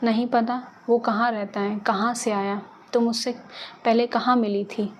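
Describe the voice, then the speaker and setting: A woman's voice: on the high side, level tone, unhurried, slight background noise, natural voice. A woman voicing a harsh small-town female police inspector who speaks curtly and bossily. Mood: stern. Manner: curt, bossy, scolding.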